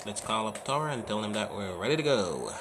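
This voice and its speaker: A man's voice: fairly low pitch, animated, brisk. A man giving pilot procedure callouts and casual commentary on a flight simulator. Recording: loud cockpit noise behind the voice. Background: aircraft cabin and engine noise.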